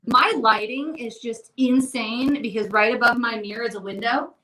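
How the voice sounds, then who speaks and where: Speaking at a moderate pace in a slightly high voice, this thirty-something livestream co-host chats casually from home in front of a mirror beside a window, candid, animated and prone to talking over people. The audio is poor.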